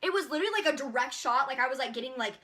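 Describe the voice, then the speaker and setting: Young woman, beauty vlogger, casual haul chat, chatty, bright tone, a bit high-pitched. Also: expressive, very fast. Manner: chatty, bubbly, lots of likes and ums. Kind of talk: casual makeup haul vlog.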